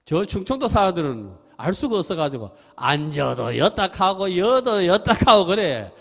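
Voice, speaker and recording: Lively Gyeongsang monk in a reverberant hall. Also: male voice, high-pitched, normal speed, vocal fry. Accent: Gyeongsang Korean. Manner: lively, chatty, laughs often, asks listeners questions. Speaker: Buddhist monk giving a dharma talk. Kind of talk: sermon with storytelling. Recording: temple hall with long reverb.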